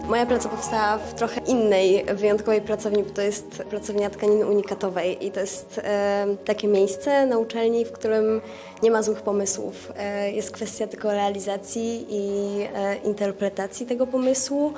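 A woman's voice: mid-range voice, level tone, moderate pace, dark tone, soft background music. A woman in her twenties, an art student, explaining her work into a handheld microphone in an interview. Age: 20s. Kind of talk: interview at exhibition opening.

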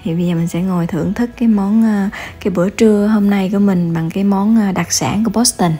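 A woman narrating a family travel vlog in voice-over, pausing often with fillers as she goes. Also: medium pitch, fairly even intonation, warm tone, husky. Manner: hesitant, many filler pauses. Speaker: travel vlogger.

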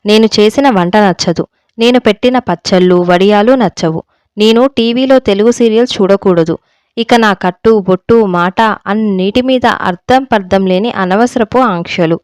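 A woman's voice: medium pitch, normal speed, darkish tone, dry recording, natural voice. A woman voicing a fed-up, defiant young daughter-in-law who speaks heatedly in a storybook reading.

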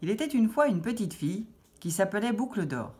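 A woman reading a children's fairy tale aloud with expressive storytelling. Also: medium pitch, fairly quick.

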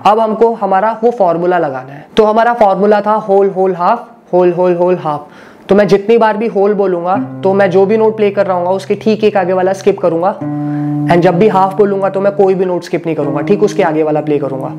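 A man's voice: high-pitched, brisk, dark tone, muffled recording. A man teaching a guitar lesson, patiently explaining and repeating each step, mixing Hindi with English phrases.

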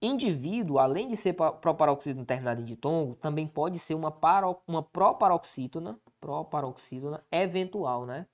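A Brazilian woman teaching an exam-prep lesson, checking in often with quick rhetorical questions. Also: deep voice, lively intonation.

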